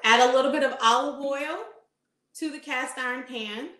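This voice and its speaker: A woman's voice: high-pitched, fairly even intonation, moderate pace, fairly bright tone, a little hiss or hum. A woman in her thirties, a dietitian, giving an upbeat live cooking demonstration in a home kitchen and asking her audience questions. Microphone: camera at medium distance. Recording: echoey kitchen room sound.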